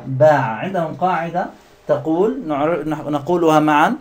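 A male teacher leading a classroom lesson, repeating words slowly and quizzing his students. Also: fairly high pitch, expressive, reverberant.

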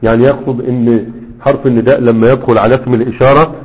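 This Egyptian Arabic-accented man teaches grammar rapid-fire, reciting verses and quizzing his listeners with rhetorical questions. His medium-pitched voice has a breathy edge and fairly even intonation. It comes through tinny, as if over a phone.

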